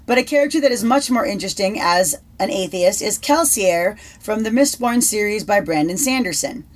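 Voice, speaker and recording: A woman co-hosting a casual podcast, reading out answers she has prepared. She keeps a measured, steady delivery. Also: mid-range voice. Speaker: podcast co-host.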